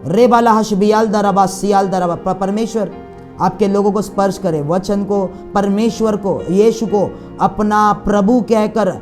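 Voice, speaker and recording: A man's voice: high voice, steady tone, a little slow, a little mellow, soft background music. Fervent male pastor preaching. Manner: fervent, peppered with hallelujahs and speaking in tongues. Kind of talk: sermon and prayer.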